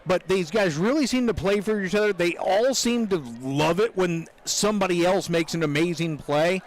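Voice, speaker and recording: Brief: high-pitched man interviewing a coach, chatty and meandering, lots of "you know". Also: moderate pace. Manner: rambling questions, frequent "you know" and agreeable interjections. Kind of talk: postgame interview.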